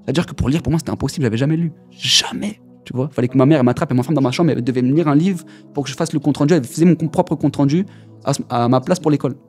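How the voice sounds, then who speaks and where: A man's voice: fairly high pitch, very fast, darkish tone, faint music behind. A young man giving a personal testimony in an interview, telling his story in casual street slang with many repeats. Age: young adult.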